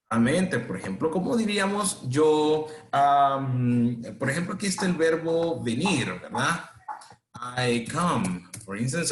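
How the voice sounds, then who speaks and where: Slow, patient man teaching English. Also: medium pitch, a bit bright, echoey room. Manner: slow, patient drilling, switching between Spanish and English with exaggerated modeling. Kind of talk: recorded remote lesson for students.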